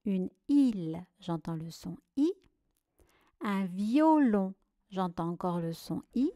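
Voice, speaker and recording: Female teacher, slow deliberate dictation for children, dry sound. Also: mid-range voice, expressive, warm tone, no room sound. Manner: slow, carefully articulated syllables.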